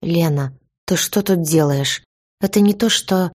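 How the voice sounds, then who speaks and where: A woman's voice: lowish voice, a little slow, darkish tone. Woman voicing a curt, sullen cheating fiancé. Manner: curt and gloomy. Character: cornered, sullen young man, the heroine's cheating fiancé.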